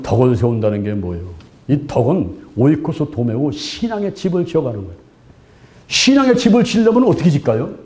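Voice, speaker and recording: A middle-aged male pastor preaching a sermon in a colloquial, animated way, acting out little scenes in voices. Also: on the high side. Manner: colloquial, asks the congregation "예?" often.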